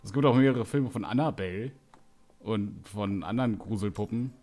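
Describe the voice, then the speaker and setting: A man's voice: fairly low pitch, normal speed, warm tone, faint music behind. A man giving casual gameplay commentary, chatty and joking as he reacts aloud. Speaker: let's play streamer.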